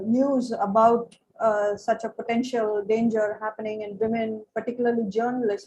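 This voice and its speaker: A woman interviewer with a fairly high voice asks long, articulate questions. A faint background hiss runs under her speech. She speaks in a measured way, with an occasional filler. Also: a little mellow, rough recording.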